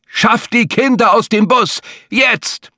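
A man's voice: very high voice, slow, pushed and bright, no room sound, clean studio sound, pitched above the performer's own voice, heavily acted. A man voicing a shrieking inner survival voice. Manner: shrieking, harsh.

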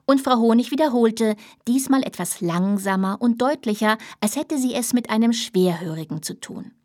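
A woman reading a children's book aloud in a lively, expressive storytelling manner. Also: a little high, normal speed, no room sound, studio quality. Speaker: narrator.

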